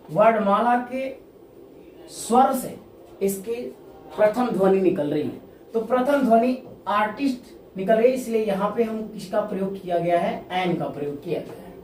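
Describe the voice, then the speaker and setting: A woman teacher giving a classroom-style grammar lesson, asking questions and answering them herself, repeating key terms and reading example sentences slowly. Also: fairly high pitch, darkish tone. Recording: echoey room, distant mic, faint noise.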